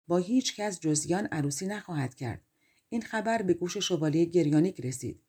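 A woman narrating a fairy tale audiobook in a calm storytelling manner, reading every character in her own voice. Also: fairly low pitch, slightly rough.

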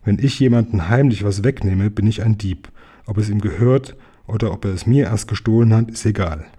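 A man voicing a sensible, determined boy hero in a children's story, in his own low, husky voice and an earnest tone. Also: fairly quick, warm tone. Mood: firm.

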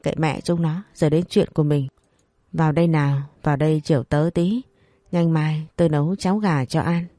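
A narrator voicing a sly, bossy peasant husband, talking quickly. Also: mid-range voice, steady tone, warm tone, no echo, close to an everyday voice. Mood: scheming. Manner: bossy, crafty, brusque.

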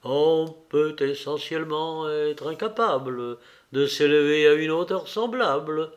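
A man's voice: a little high, a little slow, close to an everyday voice. A man voicing a polite, easygoing nobleman. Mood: amiable. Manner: polite, agreeable. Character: amiable, easygoing nobleman, middle-aged man.

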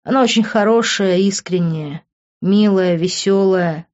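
A man's voice: sits high, measured pace, darkish tone, highs cut off. A reader voicing a sarcastic, teasing young man who mocks his friend in an audiobook. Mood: calm. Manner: teasing, ironic.

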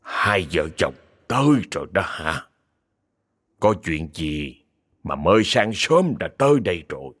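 A calm, serious old village shaman speaks slowly in a deep, hushed voice, as a male narrator puts him on. His lowered tone carries weight. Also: dry recording, studio quality, full character voice. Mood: grave. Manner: slow, grave, low.

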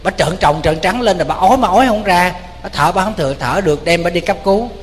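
A man with a Southern Vietnamese accent, a Buddhist monk telling a story in a sermon, animated and colloquial, speaking straight to his audience. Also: sits high, fast, big-room sound.

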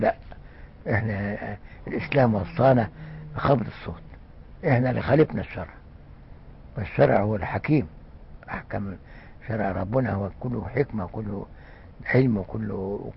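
An older man with an Egyptian accent giving a conversational religious lesson, often pausing with fillers and restarting words. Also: lowish voice, vocal fry, a little hiss or hum. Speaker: religious scholar. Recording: muffled lo-fi recording.

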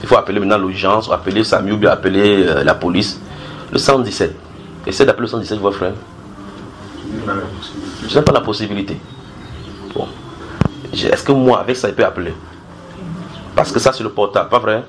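A man's voice: lowish voice, fairly quick, long pauses, noisy background. A man preaching and teaching from the Bible to a gathered group. He explains with everyday analogies, repeats key phrases and asks his listeners questions to draw responses.

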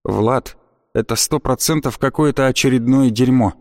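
A man voicing a gruff, cynical male shaman who mutters bluntly in an audiobook. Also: mid-range voice, normal speed, a little mellow, dry recording, studio quality, big-room sound, lightly acted. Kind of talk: audiobook character voice.

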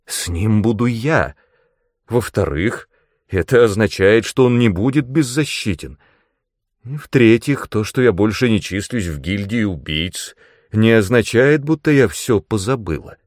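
Audiobook: a sly young woman ex-assassin, put on by a man, teasing, raised and lively. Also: on the low side, dry recording, studio quality. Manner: teasing, brisk and reasoning. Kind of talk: audiobook character reading.

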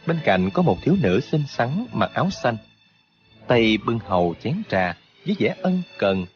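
A man narrating a martial arts novel for an audiobook, in an expressive, steady storytelling manner. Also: medium pitch, unhurried, dull audio, faint music behind.

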